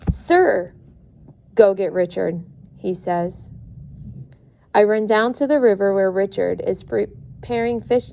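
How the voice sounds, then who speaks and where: Gravelly woman reading an audiobook. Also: medium pitch. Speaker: audiobook narrator. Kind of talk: audiobook narration in first person. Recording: muffled recording, faint hiss.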